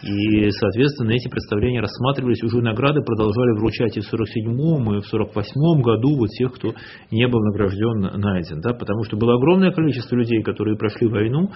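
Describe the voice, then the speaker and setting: A man's voice: lowish voice, fast talker. Earnest male historian on lo-fi radio. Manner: earnest, explanatory, builds long sentences. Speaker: historian guest. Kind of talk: conversational radio interview. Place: radio studio. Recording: dull lo-fi radio, faint hiss.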